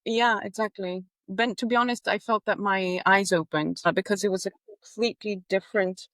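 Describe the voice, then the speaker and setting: A woman's voice: medium pitch, steady tone, normal speed, a bit bright, dry recording. A woman from Greece with a Greek accent, a behavior analyst talking earnestly in an interview, with hesitations and restarts. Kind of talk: casual interview chat.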